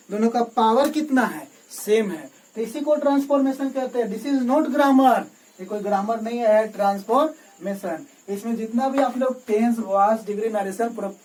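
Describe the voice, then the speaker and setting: A man's voice: extremely high pitch, darkish tone, recorded from a distance, rough recording. A male English teacher giving a classroom lecture, asking questions and answering them himself and often checking in with the class. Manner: keeps checking in with "okay?" and "remember". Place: classroom with a board. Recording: voice from away from the mic.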